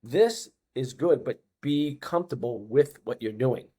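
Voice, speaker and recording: In a casual podcast appearance, a fitness coach in his fifties with a Boston accent repeats phrases to underline his points. His mid-range voice is expressive and mellow with a breathy edge, and he takes his time.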